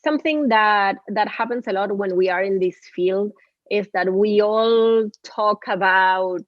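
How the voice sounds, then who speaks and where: A professor from Argentina, whose first language is Spanish, gives a webinar lecture in an Argentinian accent. She's earnest, often restarting and repeating words, in a mid-range voice that runs a little slow. The sound is lo-fi, without echo.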